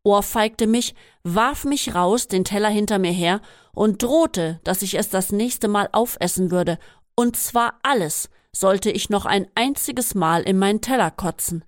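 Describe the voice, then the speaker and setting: A woman reading a first-person memoir aloud in a steady, measured way. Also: medium pitch, no room sound, clean studio sound. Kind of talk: scripted first-person narration.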